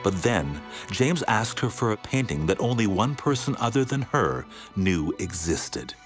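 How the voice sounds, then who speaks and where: Low-voiced man narrating a documentary. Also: big pitch swings. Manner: dramatic, slows on key words. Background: background music.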